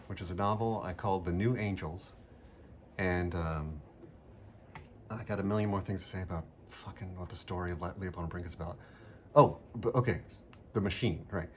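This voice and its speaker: Low-voiced man, rambling creator talk with cursing, faint noise floor. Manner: rambling, swearing, self-interrupting. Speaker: graphic novel creator. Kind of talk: casual monologue and reading aloud.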